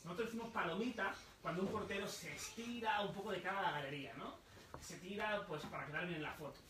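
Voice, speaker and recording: High-voiced man lecturing in an echoey room. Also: pushed and bright, recorded from a distance, slight background noise. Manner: explains slowly, repeats words, asks the audience questions. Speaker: book author presenting his book. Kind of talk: live talk in a bookshop. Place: bookshop event room.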